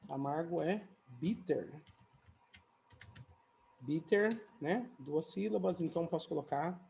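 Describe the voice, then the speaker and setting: A man with a mellow, warm voice gives a relaxed, chatty video lesson on English grammar, tossing in tag questions and small jokes as he goes. A faint hum of background noise sits under his voice. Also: a little high, gravelly. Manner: chatty, adds "né?" and "tá?" often, light jokes. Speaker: English teacher.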